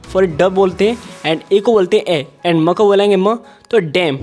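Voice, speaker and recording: A man with a high, light voice and a Hindi accent walks learners through English letter sounds. He is patient and repeats himself, checking that each step is clear. Faint music plays underneath. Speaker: English teacher. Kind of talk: phonics lesson.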